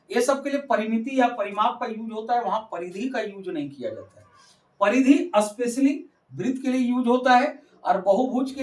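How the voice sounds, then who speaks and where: A male math teacher explaining a geometry lesson to children, repeating points and calling on the kids again and again, with a Hindi accent. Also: sits high. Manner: repetitive, addresses the kids constantly. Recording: roomy, from a distance.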